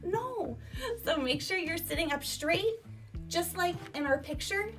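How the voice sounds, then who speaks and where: An unhurried, high-pitched woman teaches young children in an emphatic, animated style, asking rhetorical questions along the way. She's an elementary school teacher giving an instructional talk, captured on a distant microphone over music.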